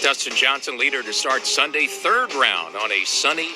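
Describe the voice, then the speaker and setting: A man's voice: mid-range voice, expressive, moderate pace, over music. A man hosting a golf radio broadcast as lead commentator, with polished announcer delivery. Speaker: radio sports anchor.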